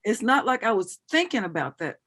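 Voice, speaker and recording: A woman's voice: mid-range voice, sing-song, a little fast, fairly bright tone. A middle-aged woman giving an earnest personal testimony as an interview guest, acting out remembered dialogue as she tells it.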